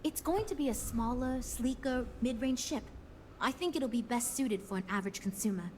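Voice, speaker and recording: An actress playing an earnest, diplomatic woman who leads a design team, speaking in a measured, businesslike way in a video game. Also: on the high side, warm tone, a little hiss or hum, close to an everyday voice. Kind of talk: scripted game dialogue.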